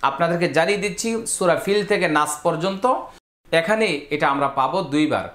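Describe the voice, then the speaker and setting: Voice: mid-range voice, brisk, a bit bright. A Quran reading teacher who patiently spells out letters one by one and chants the verses melodically. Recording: echoey room.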